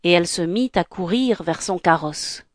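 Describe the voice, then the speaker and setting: A woman reading a fairy tale aloud, calm, clear and unhurried. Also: lowish voice, no room sound, studio quality. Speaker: storyteller. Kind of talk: storybook read-aloud.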